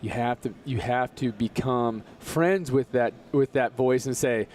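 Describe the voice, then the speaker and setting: A man talking as a podcast guest in casual conversation, earnest and motivational, slowing down to stress his points. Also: mid-range voice, darkish tone, slight background noise.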